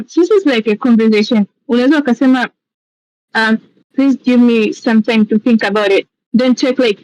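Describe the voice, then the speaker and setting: A woman's voice: a little high, darkish tone, no echo, poor audio. A woman with a Tanzanian accent, a scholarship mentor giving encouraging seminar advice over a video call. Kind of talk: seminar talk mixing English and Swahili.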